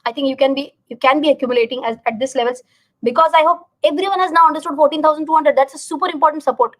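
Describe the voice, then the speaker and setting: A woman's voice: high-pitched, very fast, fairly bright tone. A woman with an Indian accent explaining informally on a live stream like a teacher, repeating words for emphasis and checking that listeners follow. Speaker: finance educator hosting a live market explainer.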